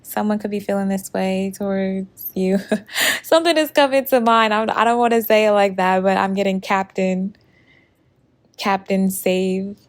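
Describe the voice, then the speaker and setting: A woman giving a casual intuitive reading to her viewers, chatty and quick to laugh, sometimes breaking into song lyrics. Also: medium pitch. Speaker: tarot reader.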